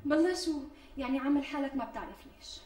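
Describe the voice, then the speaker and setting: An actress playing a pampered, demanding young pregnant wife with a Syrian Damascene accent, wheedling and quick to take offence. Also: female voice, high voice, darkish tone, natural voice. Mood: insistent. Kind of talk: TV sketch acting. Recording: distant mic with faint music.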